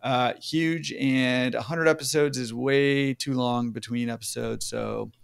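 A man's voice: medium pitch, steady tone, unhurried, vocal fry, clean tone. A man hosting a podcast, upbeat and encouraging, talking casually with many fillers. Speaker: podcast host.

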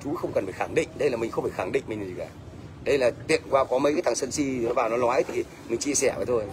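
His words race out in a mid-range voice as this middle-aged Northern Vietnamese man harangues a livestream commenter. The scolding is blunt and punctuated by frequent "thấy chưa?" The recording carries faint background noise.

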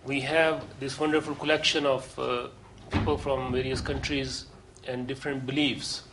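A man giving a lecture to a seminar group, earnest and deliberate, pausing often with hesitations. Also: medium pitch, level tone, background noise. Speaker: course lecturer.

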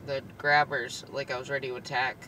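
A woman in her thirties co-hosting a casual road-trip vlog, chatty with quick asides, speaking from a car's passenger seat. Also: a bass voice, flat delivery, sharp tone. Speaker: vlog co-host. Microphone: phone camera held by the driver, off to the side. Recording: distant phone mic with clear road noise.

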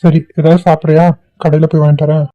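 A man's voice: fairly high pitch, quick pace, no echo, close to an everyday voice. A man voicing a soothing young cartoon husband. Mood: reassuring. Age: young adult. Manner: soothing, steady. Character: calm reassuring young husband, college student. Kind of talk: amateur cartoon voice acting. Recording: tinny phone-like audio.

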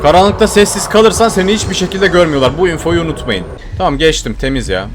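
A man's voice: a little high, fast, noisy background. Jumpy man narrating a horror game. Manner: jumpy, shouts when scared, drops to hushed muttering when sneaking. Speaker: gaming YouTuber. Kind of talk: horror game let's play commentary.

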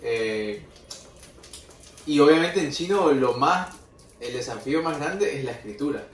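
A young male musician speaks in a relaxed way, patiently walking through examples. His voice sits in an echoey room, a little away from the mic. A faint hiss runs underneath. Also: mid-range voice, measured pace. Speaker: musician guest. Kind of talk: casual interview chat. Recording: roomy, distant mic with faint noise.

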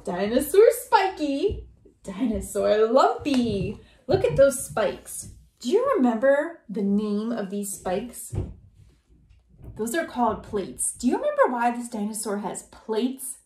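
Animated sing-song woman teacher. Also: fairly high pitch, unhurried, roomy sound, slight background noise. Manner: sing-song, animated, coaxing questions to young children. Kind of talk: children's read-aloud lesson.

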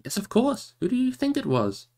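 A man's voice: sits high, normal speed, pitched above the performer's own voice, heavily acted. A man reading aloud and voicing a cheerful, teasing young male hobbit. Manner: bright, lively, raised voice.

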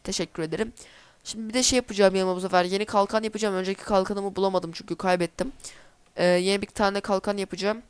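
A woman's voice: mid-range voice, level tone, fast talker, clear, resonant tone, no room sound. A woman giving casual let's-play commentary, chatty and easily exasperated, talking to herself as she plays. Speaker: gameplay commentator.

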